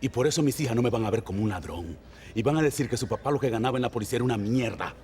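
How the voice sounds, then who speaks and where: A man's voice: mid-range voice, expressive, racing, a little mellow, a little hiss or hum, lightly acted. A man with a Dominican accent playing a proud, desperate ex-policeman father who insists heatedly on his reasons in a film scene. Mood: defiant. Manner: heated, insistent run-on justifying. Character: proud desperate middle-aged ex-cop father, defiant. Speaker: film actor.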